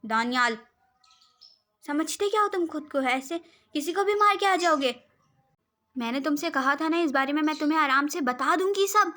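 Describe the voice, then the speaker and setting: Fiery young woman, scolding, high voice; storybook reading by a woman. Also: expressive, moderate pace, long pauses, a bit bright. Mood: angry. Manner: scolding, demanding answers.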